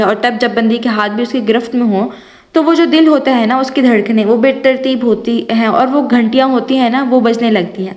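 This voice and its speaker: High-voiced young woman reading a novel. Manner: lively first-person storytelling. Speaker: audiobook narrator. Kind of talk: reading an audio novel aloud. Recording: roomy echo.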